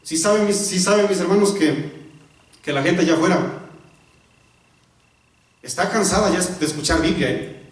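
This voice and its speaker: A man's voice: high voice, moderate pace, pauses often. A male pastor preaching a sermon. He often asks the congregation rhetorical questions and repeats words for emphasis. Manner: stops to correct himself and repeats words for emphasis. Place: church. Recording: very echoey church hall, voice from a distance.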